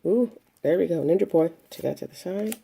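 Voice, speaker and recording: A woman giving casual commentary as she opens trading card packs, listing each card one by one in an unhurried way. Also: lowish voice, expressive, creaky, mellow, husky. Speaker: card collector opening packs. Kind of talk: casual pack-opening commentary.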